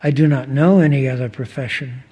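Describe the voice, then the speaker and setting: A man's voice: medium pitch, fairly even intonation, a little fast, dark tone, breathy edge, close to an everyday voice. A man reading aloud the lines of a humble, drunken peasant thief who begs to be forgiven. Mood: stubborn. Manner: begging, insistent.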